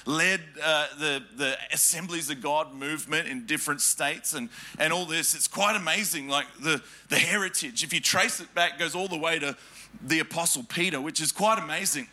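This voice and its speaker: Before a congregation in a church hall, an Australian pastor delivers a sermon built around personal stories. His high, very bright voice moves at normal speed as he fires questions at the listeners and weaves in jokes.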